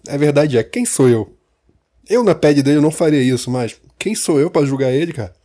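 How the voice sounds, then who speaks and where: Venting casually on his own, a Brazilian Portuguese-accented man fires off rhetorical questions laced with slang and curses. The vlogger's voice sits on the high side, expressive and mellow, and he talks briskly.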